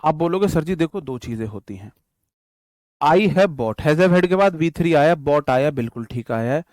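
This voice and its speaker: Young male tutor, casual exam-prep lecturing, fairly high voice, dry close sound. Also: expressive, a little slow, darkish tone, no echo. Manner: explains in Hindi mixed with English terms, repeats and counts out examples; addresses students directly, casual and chatty. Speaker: English teacher.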